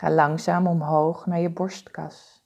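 A woman leading a guided body-scan meditation, giving calm, soothing, deliberate instructions with pauses. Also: lowish voice, vocal fry, highs cut off.

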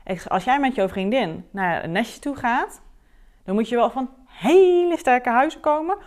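A woman's voice: a little high, moderate pace. A woman coach speaking straight to the listener in a podcast monologue, frank and direct, acting out the things her client and she herself said. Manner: direct, animated, acts out client and herself in quotes.

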